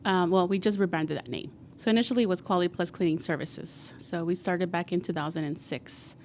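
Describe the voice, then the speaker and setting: This guest, a cleaning company founder from Guatemala in her forties, chats through her story on a casual podcast. Her voice is fairly low and a little mellow, she speaks fairly quickly, and fillers such as "like" and "you know" come often, with slight background noise behind her.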